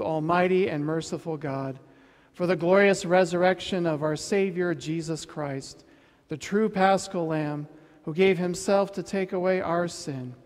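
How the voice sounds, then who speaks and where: A man leading a communion liturgy as presiding minister, solemn and sometimes chanting, heard with a cathedral echo. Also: on the high side. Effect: cathedral echo, long reverb. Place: large church sanctuary. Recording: long reverb of a big church hall.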